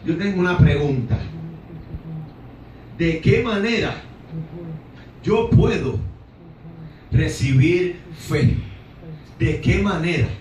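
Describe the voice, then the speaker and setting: A man's voice: on the high side, lively intonation, takes it slowly, pauses often, darkish tone, a little hiss or hum. A man preaching a sermon in a church, fervent and emphatic, often breaking in with hallelujahs. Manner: fervent, repeats hallelujah, acts out cries. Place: church hall. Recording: echoey church, mic from a distance.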